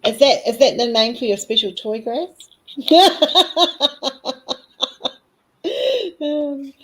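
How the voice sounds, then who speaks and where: A woman's voice: high voice, lively intonation, extremely slow, fairly bright tone, poor audio. A woman chatting casually and cheekily while she works on a craft project. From New Zealand. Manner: chatty and cheeky, rambling fondly. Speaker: craft vlogger. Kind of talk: casual chat while diamond painting.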